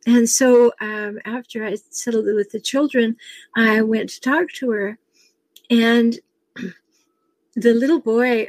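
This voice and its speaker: A woman's voice: a little high, no room sound. An older woman, a relationship coach, giving earnest advice and telling personal stories, with a chuckle now and then. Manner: earnest, advising, chuckles as she tells stories. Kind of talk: advice talk with personal anecdotes.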